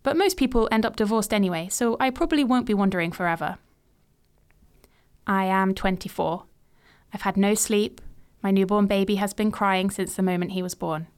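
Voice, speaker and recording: A podcast host, a woman in her late twenties, reads a personal story of her own aloud in the present tense. Her voice is smooth, clear and mid-pitched, and she tells it in a measured, reflective way.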